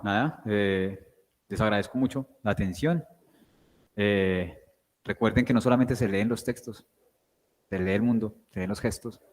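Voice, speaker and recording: Giving a guest lecture about word parts, a man speaks with a lowish, slightly mellow voice that carries a big-room sound. He uses questions to explain and frequently checks understanding with "right?" or "¿sí?".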